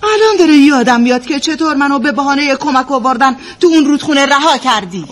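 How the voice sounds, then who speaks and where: A woman's voice: high voice, lively intonation. A woman playing a suspicious frightened wife. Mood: accusing. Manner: accusing, sharp questioning. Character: suspicious, frightened young wife at a lonely inn. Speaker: wife in an audio drama. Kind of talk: amateur audio drama acting.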